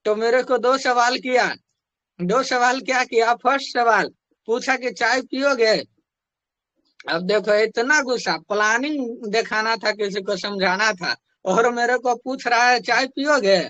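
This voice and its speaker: Young guy telling a sales success story, super high pitched, chatty and repetitive. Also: a little slow, bright, forceful tone, no echo, muffled recording. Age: young adult. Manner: conversational, repeats phrases for emphasis. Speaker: network marketing distributor. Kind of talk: motivational storytelling.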